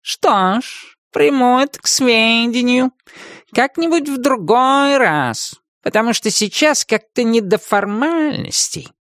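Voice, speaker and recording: A woman voicing a world-weary, ironic male cat in an audiobook, talking slowly and dryly. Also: a little high, expressive, a bit bright, no echo, studio quality, pitched above the performer's own voice. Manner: slow, drawling and dryly ironic.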